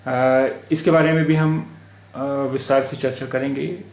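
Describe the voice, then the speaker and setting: A man with an Indian Hindi-Urdu accent teaches a lesson at a very unhurried pace, patiently repeating each letter and word aloud. His voice sits at an ordinary pitch. The recording has the echo of a bare room. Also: level tone, darkish tone. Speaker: language teacher. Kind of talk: slow spoken lesson.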